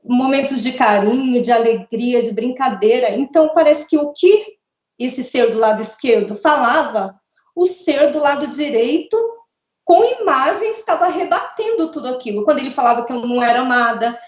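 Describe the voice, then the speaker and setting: A middle-aged woman giving an earnest, halting personal testimony, often repeating words as she speaks. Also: high voice, lively intonation. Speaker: interviewee telling a near-death experience. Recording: echoey, dull lo-fi room sound.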